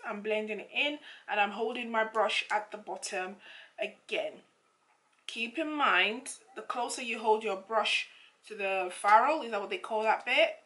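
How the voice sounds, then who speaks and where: A woman with a slightly croaky, froggy voice, chatting casually and informally as she explains a makeup tutorial step by step. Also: mid-range voice, sharp tone. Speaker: makeup vlogger.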